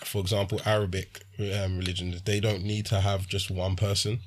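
A man's voice: sits low, level tone, normal speed, a little hiss or hum. A man in casual podcast chat, explaining his opinions to the others. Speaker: podcast panelist.

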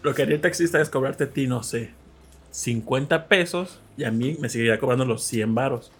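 A Mexican man hosts a loose podcast chat with a husky, slightly breathy voice at a middle pitch. He tells stories with animation and jumps into the voices of the people he quotes. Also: brisk, a bit bright. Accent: Mexican Spanish. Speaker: podcast host. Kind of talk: casual chat.

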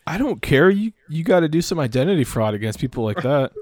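A young man co-hosting a podcast, joking in a deadpan way and swearing a lot. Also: on the high side, quick pace, dry recording, clean studio sound. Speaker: podcast co-host. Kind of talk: casual podcast chat.

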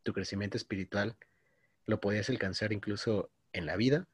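A man in his twenties with a Mexican Spanish accent tells a long story in casual slang. His voice sits fairly low. The sound is dry and close, with no room around it. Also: fairly quick, husky, no echo. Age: 20s. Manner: slangy, says "güey" constantly, storytelling. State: coughing. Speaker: podcast co-host. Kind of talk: casual chat.

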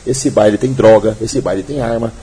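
A man's voice: lowish voice, brisk, a crowd in the background. A man, a police officer, telling stories in casual podcast chat and acting out the dialogue. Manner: animated storyteller, acts out dialogue.

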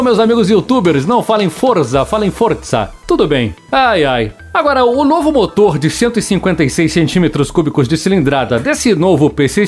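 A man's voice: high-pitched, darkish tone. A man with a Brazilian Portuguese accent hosting a motorcycle podcast, chatty and teasing, talking straight to his viewers. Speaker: motorcycle channel host. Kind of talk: casual podcast-style review.

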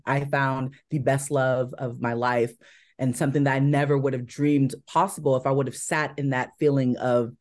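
A woman's voice: extremely low pitch, a little mellow. An American woman answers interview questions as a coach would, in a conversational and confident way. She speaks emphatically and checks in with rhetorical questions as she lays out her advice. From Seattle, Washington, United States. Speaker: matchmaker and dating coach, interview guest.

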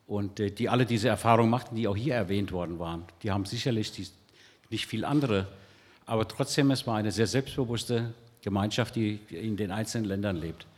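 Older man, low voice, audience, halting, fillers, hall reverb. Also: a little mellow. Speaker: audience member. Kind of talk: audience question.

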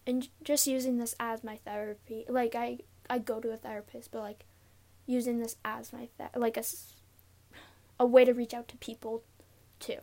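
A young woman speaking casually and confessionally as a podcast host, halting and giggly with nerves, recorded sitting in a closet. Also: a little high, level tone, a little mellow. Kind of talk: casual confessional solo talk. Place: inside a closet, sitting on a pillow.

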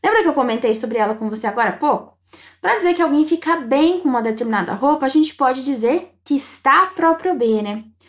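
A woman teaching Italian phrases, encouraging the listener and saying model sentences slowly to be repeated. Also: sits high, lively intonation. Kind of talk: language lesson narration.

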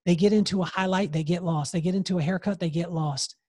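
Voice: mid-range voice, fairly even intonation, quick pace, a little mellow, breathy edge, no echo, clean studio sound. A hairdresser and salon coach speaking as a podcast guest, emphatic and given to repeating key phrases. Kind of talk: podcast interview, motivational advice.

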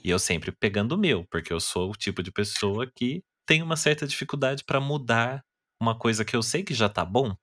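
A man's voice: medium pitch, lively intonation, fairly quick, fairly bright tone. A Brazilian man in casual podcast chat, telling a story with frequent laughter and acted-out voices. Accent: Brazilian Portuguese.

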